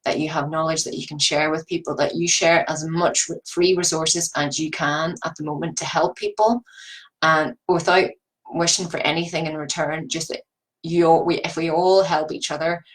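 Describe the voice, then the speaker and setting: Casting: woman, Northern Irish, deep voice, little melodic swing, earnest business coach talking informally and encouragingly. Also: fairly even intonation, normal speed, poor audio. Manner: rambling, earnest, encouraging, with repetition for emphasis. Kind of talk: informal advice monologue to online viewers.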